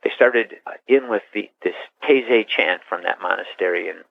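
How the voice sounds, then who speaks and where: A middle-aged man, a priest, telling his story in an interview, rambling and animated, restarting sentences and laughing. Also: on the low side, moderate pace, vocal fry, no room sound. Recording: tinny phone-line sound.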